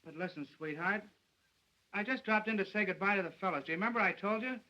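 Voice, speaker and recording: Hildy, a brash wisecracking reporter. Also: male voice, high voice, fast talker, sharp tone, highs cut off. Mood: pleading. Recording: old film soundtrack with faint hiss.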